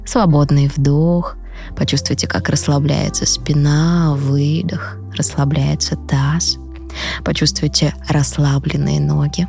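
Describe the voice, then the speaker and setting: A woman yoga teacher guiding a breathing meditation, slowly counting breaths and leading relaxation. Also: low-pitched, flat delivery, vocal fry, dark tone. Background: music.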